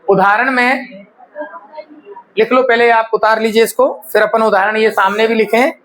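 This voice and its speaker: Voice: mid-range voice, fairly even intonation, normal speed, a bit bright. A teacher explaining a lesson step by step and checking often that the class follows.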